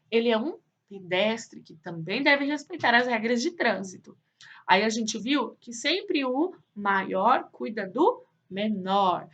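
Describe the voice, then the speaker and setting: A woman teaching young children online, in a sing-song, drawn-out way, asking questions and answering them herself. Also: on the high side, fairly bright tone, slightly rough. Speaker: primary school teacher.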